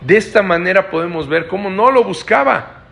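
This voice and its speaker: Bright-voiced high male preacher. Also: animated, normal speed, creaky, a little hiss or hum. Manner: explanatory, asks listeners frequent rhetorical checks. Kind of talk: Bible study preaching.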